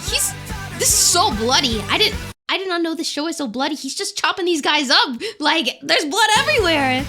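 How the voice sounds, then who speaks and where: A woman VTuber giving excited, casual reaction commentary, exclamatory and easily amazed. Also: very high-pitched, moderate pace. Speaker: VTuber reacting to anime openings. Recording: music playing behind the voice. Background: anime theme songs.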